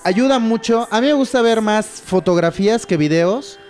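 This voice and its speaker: Mexican guy slangy n relaxed, kinda high voice, faint music behind. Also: moderate pace. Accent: Mexican Spanish. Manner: slangy, laid-back, says "güey" constantly. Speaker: podcast co-host. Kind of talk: casual chat.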